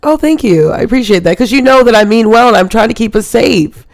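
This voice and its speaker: A woman's voice: a little high, animated, fast, no room sound. A woman hosting a live call-in talk show, ranting in an emphatic, rambling way and often asking if listeners understand. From Hawaii. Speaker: show host.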